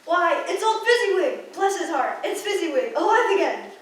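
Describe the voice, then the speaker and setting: A teenage girl playing Scrooge, an anxious, excitable old man, in a student radio play. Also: very high-pitched, moderate pace. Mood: excited. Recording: echoey room, distant mic, background noise.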